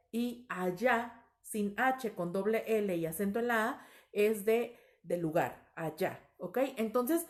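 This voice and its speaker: A woman teaching a language lesson, explaining slowly, with many fillers and self-corrections. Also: on the high side. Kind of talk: recorded lesson.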